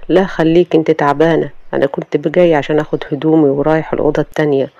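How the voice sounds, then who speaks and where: A woman's voice: low voice, little pitch movement, very fast, mellow, dry recording, lo-fi sound. A woman with an Egyptian accent voicing a harsh, proud rich young man who talks in a brusque, commanding way in a romance story.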